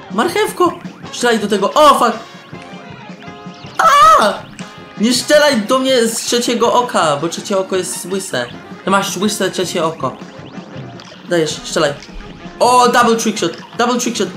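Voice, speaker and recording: An excitable young man commentating a video game in a loose, lively way, his pitch leaping around as he yells and laughs. He sounds like he is in a roomy, echoing space, with faint game music behind him. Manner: excitable, shouting and laughing, mixes in English slang. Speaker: gameplay commentator. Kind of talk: casual let's-play commentary.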